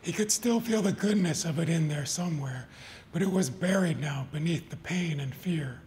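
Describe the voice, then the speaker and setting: A man reading his short stories aloud at a live event, in an even, deliberate storytelling manner. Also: a little high, slight background noise. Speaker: author. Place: live reading before an audience.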